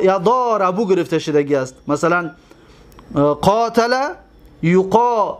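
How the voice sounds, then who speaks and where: A man teaching Arabic grammar to a class. He sounds out word forms slowly and asks questions that he then answers himself. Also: high voice. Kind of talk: classroom lesson.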